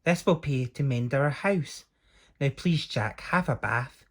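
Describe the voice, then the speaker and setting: A man's voice: mid-range voice, expressive, slow. A man voicing a fussy mother who scolds her son in a raised voice. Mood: scolding.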